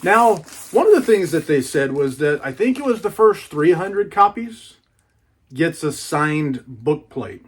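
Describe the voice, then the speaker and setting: A book reviewer and YouTube host chats his way through an unboxing in a folksy, colloquial monologue, repeating phrases for emphasis. His voice sits on the high side with big pitch swings and a breathy edge, and he moves at a measured pace.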